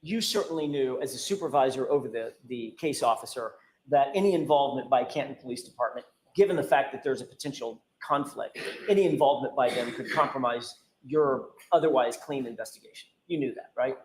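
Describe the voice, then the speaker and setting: A man's voice: mid-range voice, a little fast, a little mellow. A male defense attorney cross-examining a witness with persistent, pressing questions in a courtroom. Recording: roomy courtroom audio with faint ambience.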